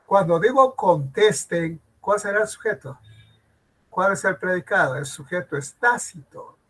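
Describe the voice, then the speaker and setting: A man teaching a grammar lesson in an online class, who keeps asking the students questions and repeats his examples slowly. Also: high voice, lively intonation, a bit bright, husky, poor audio. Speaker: language teacher.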